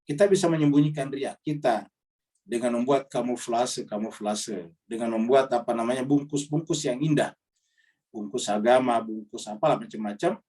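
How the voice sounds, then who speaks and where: A man's voice: moderate pace, distant mic. A man preaching to a congregation, reciting Arabic verses and explaining them, his voice jumping up on rhetorical questions. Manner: lively, rises in pitch on questions. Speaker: Islamic preacher. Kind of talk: Quran study sermon.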